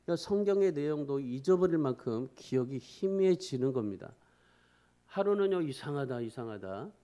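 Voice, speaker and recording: A man's voice: fairly high pitch, expressive, moderate pace, dark tone. A male pastor preaching a Sunday sermon, telling a story in an earnest, pleading way and often restarting words. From South Korea.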